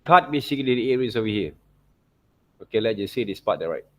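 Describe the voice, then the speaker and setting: An art teacher with a Malaysian accent runs a casual software tutorial, frequently checking in with little tag words such as "okay" and "right." His voice is fairly low, animated, and fast.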